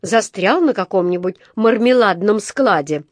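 A calm, sensible father, as a woman narrator puts him on speaks in a matter-of-fact, reassuring way. He is fairly loud and steady, a level-headed man in a children's storybook. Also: medium pitch, measured pace, no room sound, studio quality.

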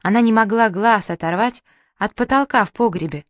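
A woman reading a children's story aloud in a calm, even storytelling manner. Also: mid-range voice, brisk, dry recording, clean studio sound. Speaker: narrator.

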